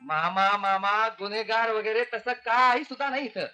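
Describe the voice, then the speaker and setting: An actor playing a cheeky young graduate posing as a servant, joking and wheedling. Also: male voice, high-pitched, moderate pace, pushed and bright, clean tone, faint music behind. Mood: jokey. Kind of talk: 1970s film comedy acting.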